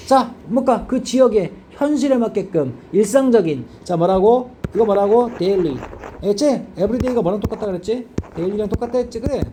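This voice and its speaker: A man's voice: sits high, warm tone, slight background noise. A man teaching an English grammar lesson, constantly checking in with students by asking if they understand. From South Korea. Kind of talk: classroom grammar lecture.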